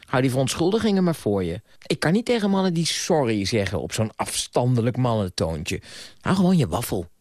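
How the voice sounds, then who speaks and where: A man reading an audiobook voices a sharp-tongued, headstrong young woman in a raised, haughty voice. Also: medium pitch, sing-song, brisk, no room sound, studio quality, natural voice. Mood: imperious.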